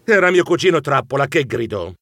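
A man narrating a children's story in the first person, animated and expressive, with grumbly asides. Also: mid-range voice, fairly quick, gravelly. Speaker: audiobook narrator.

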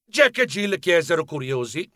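Man, children's audiobook narrator, lively pitch, dry close mic. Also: normal speed, no echo. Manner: animated storyteller.

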